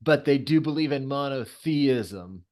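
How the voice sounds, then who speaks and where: Male co-host, mid-pitched voice, playful quick-witted banter. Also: animated, a little mellow. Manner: playful, quick jokes, laughs often. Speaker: podcast co-host. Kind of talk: casual comedic chat.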